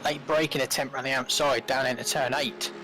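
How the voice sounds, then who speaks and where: A man's voice: medium pitch, fairly even intonation, fairly quick, bright, forceful tone, slight background noise. A man giving live motorsport commentary on a sim race, describing each move in detail.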